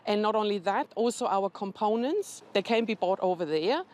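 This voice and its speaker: A woman's voice: medium pitch, lively intonation, normal speed, darkish tone. A woman speaking as a charity representative in a news interview, explaining things step by step in an informative way.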